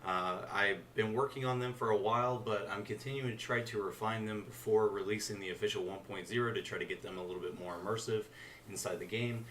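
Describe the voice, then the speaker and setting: This man is a game modder casually walking through his work on a screen-share dev stream, his throat congested and scratchy. He speaks fairly quickly in a lowish voice, relaxed and rambling with lots of "uh" fillers, and the mic sits at a distance.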